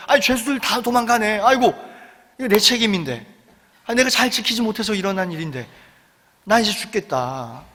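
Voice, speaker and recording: A man's voice: high voice, animated, fairly quick, bright, forceful tone, in a large hall, full character voice. Man acting out a frantic panicked jailer. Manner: frantic, stammering, sinking to a whisper. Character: panicked male jailer facing ruin.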